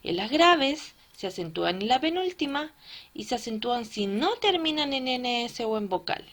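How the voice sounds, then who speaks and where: A woman's voice: fairly high pitch, big pitch swings, normal speed, fairly bright tone. A woman teacher explaining a lesson step by step and checking understanding with frequent tag questions. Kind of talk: recorded classroom lesson.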